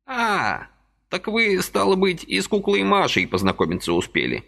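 A man voicing a frail, fussy old man who pleads gently and apologetically in a high, fluttering voice. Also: wildly swooping pitch, moderate pace, vocal fry, exaggerated voice.

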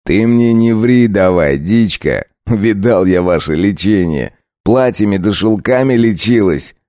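A man playing a mocking, brutal werewolf bandit leader who talks slowly and sneers. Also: on the low side, expressive, warm tone, no room sound, clean studio sound. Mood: sneering. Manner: slow, sneering, gloating.

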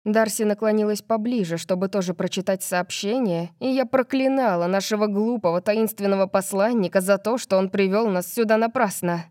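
A woman narrating a first-person fantasy audiobook in a steady, measured way. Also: mid-range voice, no echo, clean studio sound.

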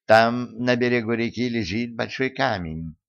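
A man's voice: medium pitch, moderate pace, no echo, lo-fi sound, close to an everyday voice. A man doing a sneering petty scribe. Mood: disdainful. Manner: disdainful, dismissive. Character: petty, contemptuous imperial scribe, smug official.

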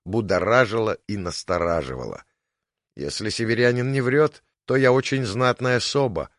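A man with a fairly low voice reads a story aloud, his pitch rising and falling expressively. The sound is dry and close to the mic. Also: dry recording. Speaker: audiobook narrator. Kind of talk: scripted narration.

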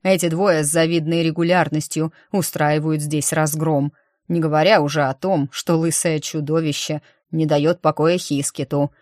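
A curt, sneering young mage in an audiobook, as a woman reader puts him on. The voice sits low and dark. It is recorded close and dry with no room sound. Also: steady tone, moderate pace, no room sound, close to an everyday voice. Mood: scornful. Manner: curt and scornful. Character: arrogant sullen young male mage.

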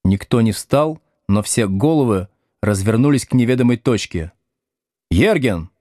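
A man reading a novel aloud as scripted narration with expressive storytelling. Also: medium pitch, normal speed, no echo, clean studio sound. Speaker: audiobook reader.

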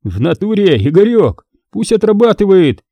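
A cocky, power-drunk young man, as a male reader puts him on in an audiobook crime story. He sneers and talks down to everyone in a raised, lively voice. Close, dry sound. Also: sits high, normal speed, no echo, highs cut off, voice pushed up, full character voice. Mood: sneering. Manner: sneering, condescending. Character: arrogant mocking male student, power-drunk, giggling.

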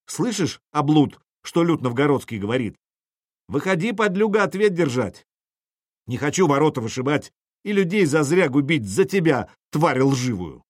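Brief: man playing a forceful young leader haranguing a crowd, big ringing voice, audiobook. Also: on the high side, very animated, moderate pace, no room sound, clean studio sound. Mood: declaiming. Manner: loud, declaiming. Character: bold young male leader rousing a crowd.

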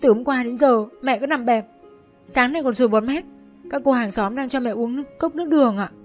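A woman's voice: a little high, a little fast, faint music behind, voice pushed up, lightly acted. A woman voicing a young boy who cries and pleads over the phone in an audiobook story. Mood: tearful pleading. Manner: crying, pleading. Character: young boy, tearful and panicked.

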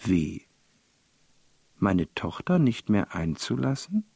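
A man reading aloud and voicing a proud queen mother, speaking in a stern, measured way. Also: lowish voice, big pitch swings, vocal fry, warm tone, breathy edge, no room sound, heavily acted. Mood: indignant. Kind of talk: literary reading.

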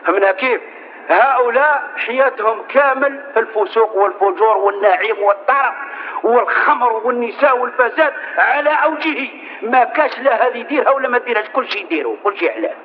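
A man with an Algerian Arabic accent delivers a sermon, his voice pitched very high and his words tumbling out quickly. He keeps turning to the congregation with rhetorical questions. The sound is thin and phone-like, as if carried over a radio broadcast. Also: slight background noise. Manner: rhetorical, keeps asking "understood how?". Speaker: preacher. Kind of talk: sermon in dialect.

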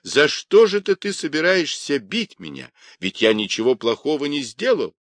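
A man's voice: fairly low pitch, very animated, normal speed, fairly bright tone, no echo. A man voicing a cheeky, poor young boy who hustles for coins, talking brashly and defiantly. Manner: pleading, then brash and defiant.

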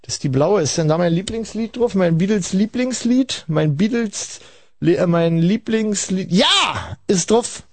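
A man with a high-pitched, dark-toned voice and moderate pace, recorded with no echo, hosts a late-night call-in radio show. He rambles with irony, chats with callers, and calls his listeners kids.

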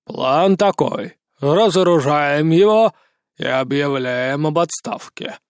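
A slow, low-voiced president who hands down orders with heavy authority, as a man reads him. The voice sits lower than the narrator's own tone and stretches out every phrase. The recording is close and dry. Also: expressive, clean tone, no room sound. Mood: commanding. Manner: slow, low, commanding drawl. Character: slow gruff male president, imperious.

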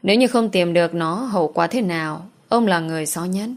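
A woman reading an audio novel in a steady voice. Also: lowish voice, a little fast. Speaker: narrator.

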